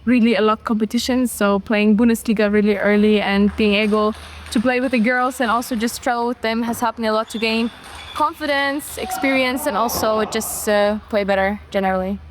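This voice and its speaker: High-voiced teenage woman athlete. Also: fairly even intonation, fairly quick, a little hiss or hum. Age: teens. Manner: chatty, playful.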